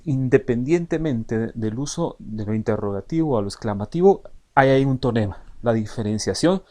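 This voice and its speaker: A man's voice: medium pitch, animated, moderate pace, warm tone. A male teacher giving a recorded online lecture, explaining step by step with frequent hesitant fillers and speaking directly to his students.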